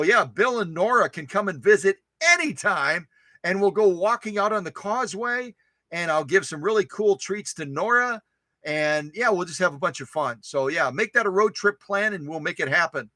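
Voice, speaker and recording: A man's voice: high voice, animated, moderate pace, sharp tone, no room sound. A man hosting a casual livestream, playfully reading out and answering viewer comments, often repeating himself. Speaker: host of a sewing machine restoration channel.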